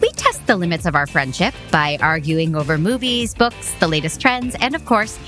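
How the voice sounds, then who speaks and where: A woman's voice: lowish voice, expressive, moderate pace, fairly bright tone, soft background music. An American woman co-hosting a podcast in casual chat, teasing and firm in her opinions. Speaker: podcast co-host.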